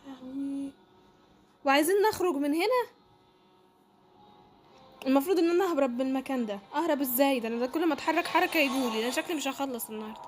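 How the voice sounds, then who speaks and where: A woman's voice: high-pitched, very fast, long pauses. A woman with an Egyptian Arabic accent giving jumpy, exclaiming commentary on a horror game as she plays, talking straight to her viewers. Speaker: gamer, channel host. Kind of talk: let's-play gaming commentary.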